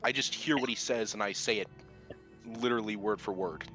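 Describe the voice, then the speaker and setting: A man's voice: on the low side, brisk, bright, forceful tone, soft background music. A man playing a tabletop game, earnestly asking the game master about rules and plans. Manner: earnest, asks rules questions. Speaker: player. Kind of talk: casual tabletop play.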